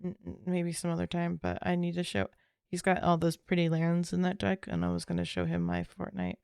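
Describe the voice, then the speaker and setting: A woman's voice: fairly low pitch, little pitch movement, a little fast, creaky, warm tone, clear, resonant tone, dry recording, clean studio sound. A woman streamer chatting casually after a game, rambling, trailing off and correcting herself as she goes. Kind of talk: casual chat while gaming.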